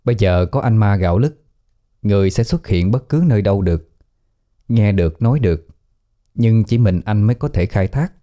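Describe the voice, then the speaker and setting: A man narrating a ghost story in a calm, even audiobook reading. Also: lowish voice, normal speed, pauses often. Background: faint background music.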